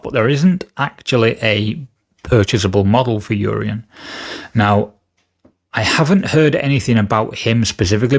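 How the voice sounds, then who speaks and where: A man hosting a wargaming channel, chatting casually about rumours to camera, just woken up with a slightly rough voice, hedging and correcting himself with fillers. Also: lowish voice.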